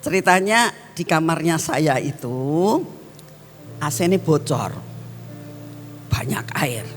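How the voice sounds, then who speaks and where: A woman evangelist preaching a sermon, telling personal stories with an animated storyteller's manner. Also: low voice, slow, long reverb tail, faint music behind. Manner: animated storyteller, addresses the congregation as brothers and sisters.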